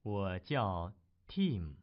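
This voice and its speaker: A man reading a slow, deep textbook learner. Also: sing-song, exaggerated voice. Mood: plain. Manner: very slow, carefully articulated. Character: adult male learner named Tim. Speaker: dialogue reader. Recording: dull lo-fi recording.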